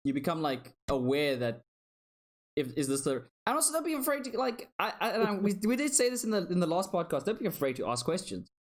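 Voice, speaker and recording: Young male co-host, casual and rambling, stumbles over repeated words, quick to laugh. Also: high voice, big pitch swings. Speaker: podcast co-host. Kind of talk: casual chat.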